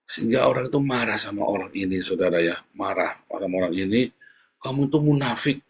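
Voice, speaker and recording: A man preaching a lively sermon, often calling out to the congregation, his voice leaping up in pitch for emphasis. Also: quick pace, gravelly, slight background noise. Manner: often addresses the congregation as "saudara". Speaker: pastor.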